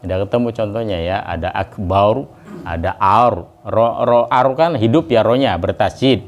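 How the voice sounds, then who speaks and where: A man teaching Quran recitation to a class, speaking casually between verses and drawing the recited words out slowly. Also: on the low side, dull audio. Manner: casual explanations in between, calls the class to repeat.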